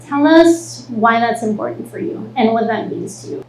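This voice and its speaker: A woman co-hosting a live podcast, asking measured, prompting questions of the host. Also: fairly high pitch, a little mellow. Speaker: guest co-host. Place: live event venue with audience. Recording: roomy venue sound with faint hum.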